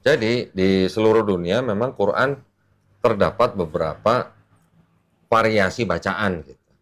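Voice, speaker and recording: Low-voiced male teacher type; patient, casual, explains with homely examples. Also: measured pace, fairly bright tone. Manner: patient, uses everyday examples, laughs often. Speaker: Islamic teacher explaining to a guest.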